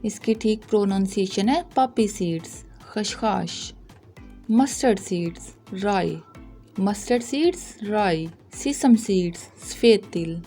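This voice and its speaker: A woman with a mellow, soft tone reads vocabulary aloud at a very slow, deliberate pace, repeating each term. She patiently points out common mispronunciations like a careful teacher. Faint music plays underneath. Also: medium pitch, animated. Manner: patient, deliberate, corrects pronunciation.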